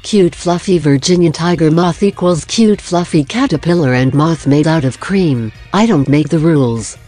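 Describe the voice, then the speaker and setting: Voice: mid-range voice, moderate pace, a little mellow, faint music behind. A narrator reading a scripted voice-over for a drawing video, with dry, self-deprecating humor.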